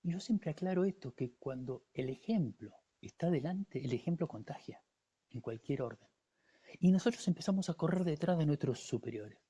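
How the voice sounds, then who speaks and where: A man in his sixties with an Argentine Spanish accent, appearing as a war veteran guest, tells his story in the first person in a slightly high, mellow, slightly rough voice at a moderate pace. His telling is animated, vivid, and intense, and he acts out other people's words.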